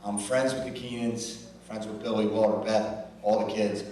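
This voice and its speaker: A man's voice: fairly low pitch, level tone, normal speed, a little mellow. A man giving a rambling, self-deprecating roast speech, often restarting his sentences. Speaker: roast speaker. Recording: roomy hall mic from a distance.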